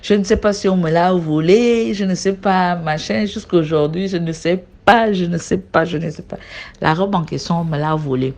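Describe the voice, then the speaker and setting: A young woman with a Cameroonian French accent telling a personal story in casual spoken style, animated, with frequent restarts and sudden high exclamations. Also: normal speed.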